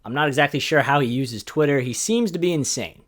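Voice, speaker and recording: A man's voice: mid-range voice, fairly quick. A young man hosting a solo comedy podcast, rambling and sardonic, swearing freely. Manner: sardonic, rambling, profane, jumps between loud mock voices and mumbles. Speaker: podcast host.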